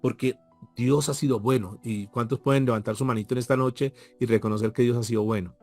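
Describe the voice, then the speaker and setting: A male pastor preaching an evening sermon in church, rising in emphasis and then dropping to soft asides to his congregation. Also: medium pitch, steady tone, brisk, faint music behind.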